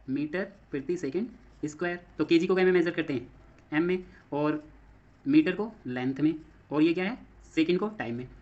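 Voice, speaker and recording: An Indian-accented physics teacher coaches for exams in a classroom lecture that mixes Hindi and English terms, explaining step by step, repeating phrases and asking himself questions. His voice is on the high side and a little mellow, though the recording is muffled.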